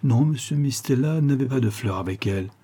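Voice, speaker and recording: A man's voice: medium pitch, expressive, fairly quick, warm tone, breathy edge. A man reading the part of a polite hotel clerk who answers in a formal, deferential way.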